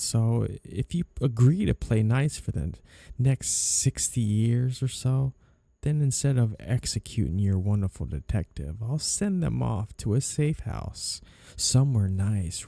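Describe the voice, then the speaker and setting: In an intimate audio roleplay ASMR piece, a man plays a mafia boss in a full character voice that is lowish, very dark and mellow, crackling with fry. He lingers slowly over his words, flirty and two-faced, coaxing and possessive, each smooth, teasing courtesy theatrically polite yet carrying a lovesick, possessive menace. The recording is dry.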